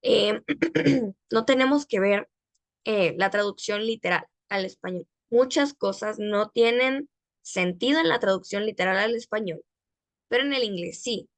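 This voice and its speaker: A woman teaching English to Spanish speakers, drawing out model phrases slowly for students to repeat. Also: medium pitch, no room sound. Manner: slow, drawn-out model phrases for repetition.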